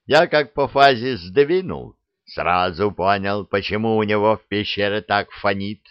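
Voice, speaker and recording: A man's voice: on the low side, measured pace, smooth, no echo, lightly acted. A man voicing a huffy, wise old male dragon who grumbles and lectures, in a dull, dry recording. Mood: lecturing.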